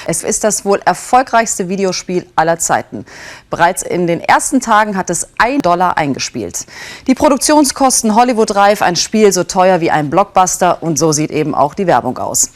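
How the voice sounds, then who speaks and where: A woman reading a scripted news report as a reporter. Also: on the low side.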